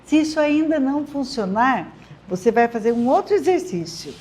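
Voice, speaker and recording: A woman with a high voice and a Brazilian Portuguese accent talks parents through reading games for children. She is encouraging and chatty, often checking in with a quick tag question. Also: expressive, darkish tone, a little hiss or hum. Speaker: literacy teacher answering parents' questions. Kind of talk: friendly advice talk to parents.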